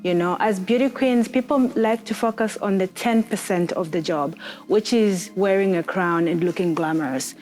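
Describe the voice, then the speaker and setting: A woman's voice: on the low side, moderate pace, a little mellow. A young woman from Zambia, a panel guest, speaking earnestly and persuasively in a casual chat.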